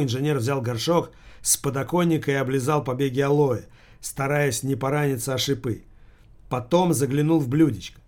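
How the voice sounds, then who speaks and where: A man reading a novel as an audiobook in a measured, deadpan way. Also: medium pitch. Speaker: audiobook narrator. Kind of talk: audiobook narration.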